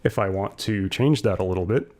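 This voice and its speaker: A YouTube vlogger casually shows off a new audio mixer in his video, rambling with plenty of fillers and restarts. His voice is deep and a little mellow, and he talks fairly quickly.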